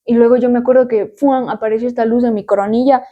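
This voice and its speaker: A woman's voice: fairly high pitch, fairly even intonation, fast, muffled recording. A young adult woman hosting a talk show, telling a personal story in an emphatic, repetitive way and acting out the sounds and cries she describes. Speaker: podcast host.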